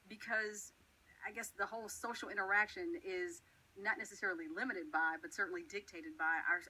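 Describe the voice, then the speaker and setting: A woman hosting a radio interview, chatty and quick to laugh. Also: medium pitch, sharp tone, breathy edge, poor audio. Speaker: radio host.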